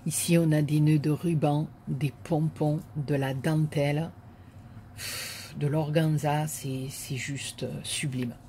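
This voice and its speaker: A woman's voice: sits low, flat delivery, slow, mellow, a little hiss or hum. A woman vlogger chatting casually to viewers as she unboxes a parcel, gushing and repeating her words of praise with many fillers.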